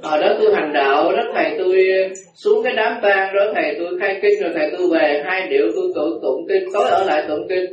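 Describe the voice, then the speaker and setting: A man's voice: sits high, fast talker, few pauses, crowd noise. A man, a Buddhist monk giving a dharma talk, telling folksy anecdotes and acting out voices with laughter. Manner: folksy storytelling, acts out voices, frequent laughter. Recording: echoey, distant, muffled hall recording.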